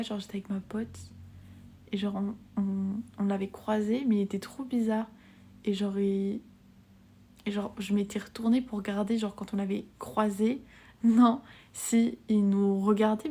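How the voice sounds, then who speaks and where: A young woman from France chatting casually on a live stream. She often drops into soft whispers, giggles a lot and uses casual slang. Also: mid-range voice, husky. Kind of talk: live-stream chat with viewers.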